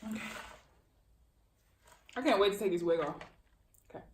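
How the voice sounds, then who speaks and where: A woman's voice: mid-range voice, animated, fast talker, roomy sound, slight background noise. A young woman, chatting casually and rambling while she eats for her mukbang vlog. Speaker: vlogger.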